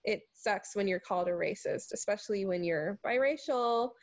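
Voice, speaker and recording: A young Southern American woman, a guest talking casually and animatedly in an interview, with quick rants. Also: mid-range voice, dry recording, highs cut off. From United States. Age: young adult.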